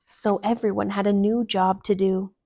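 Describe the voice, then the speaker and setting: In a mid-range voice, a woman reads a children's storybook aloud, telling the tale in an expressive, deliberate way.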